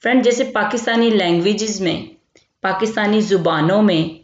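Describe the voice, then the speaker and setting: A woman from Pakistan teaching a grammar lesson. She explains slowly and keeps checking in as she repeats each term. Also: medium pitch. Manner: explains slowly, repeats terms, says "theek hai" often. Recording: lo-fi echoey room.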